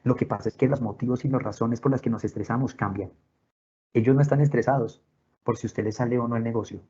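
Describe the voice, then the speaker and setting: A man's voice: medium pitch, fairly even intonation, fast talker, warm tone, husky, muffled recording. A man giving a talk to parents from home, telling stories from his own life and asking questions in an earnest way. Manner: earnest, storytelling, asks questions. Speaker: parent workshop speaker. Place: at home, with pets nearby.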